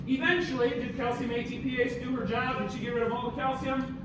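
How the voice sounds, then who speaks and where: The voice is very high-pitched and quick, with a flat delivery: an American man teaching at a university, theatrical and casual, quizzing students and giving directions. He lectures animatedly during a live classroom demonstration indoors, heard through a far mic in a noisy, echoey room.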